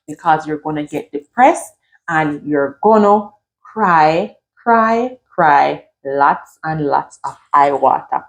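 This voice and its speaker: Lively Jamaican woman vlogging in patois-tinged talk. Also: low-pitched. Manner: lively, switches into patois phrases. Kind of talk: casual talk to camera.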